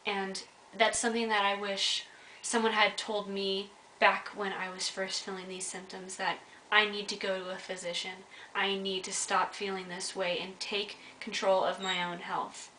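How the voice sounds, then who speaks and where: A young woman shares a personal story to camera, candid and earnest, her voice bright and clear. The mic sits a little back in a roomy, echoing space with a faint hiss underneath. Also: medium pitch, flat delivery, moderate pace, recorded from a distance. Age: young adult. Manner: earnest, candid, urges viewers directly. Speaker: vlogger.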